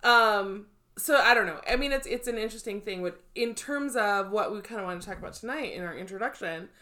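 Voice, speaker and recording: A woman co-hosts a frank, casual podcast conversation. Her voice is bright and clear, at an ordinary pitch for a woman. She talks in a steady, reflective way and pauses with ums. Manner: measured and reflective, with filler ums. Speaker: podcast co-host. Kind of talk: candid casual chat.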